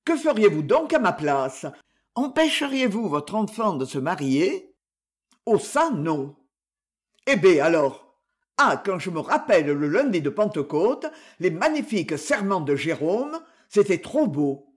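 Male reader doing a lowered, gruff elder brother, stubborn and aggrieved, storybook reading. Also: sing-song, measured pace. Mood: indignant.

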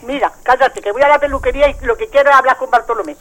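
A woman's voice: sits high, racing, a bit bright. An older woman calling in to a live radio show, heard over the phone line, chatty and talking over the others. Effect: heard over the phone on a live radio call. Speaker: radio caller.

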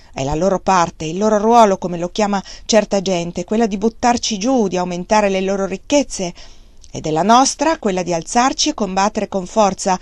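A woman's voice: mid-range voice, darkish tone, dry recording, close to an everyday voice. A woman reading the part of a blunt, angry middle-aged male mill worker, defiant and scornful.

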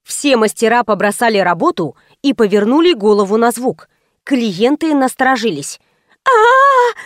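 A woman narrating a first-person audiobook in a wry, lively storytelling manner. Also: on the high side, normal speed, dry recording, clean studio sound.

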